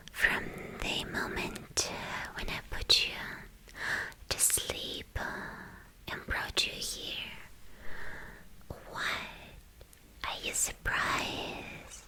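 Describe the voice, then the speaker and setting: With a sharp tone and a full character voice, a woman performs a boastful, playful young villainess in ASMR roleplay. She whispers breathily and teasingly, halting and repeating herself, sounding smug and teasing on a rough recording.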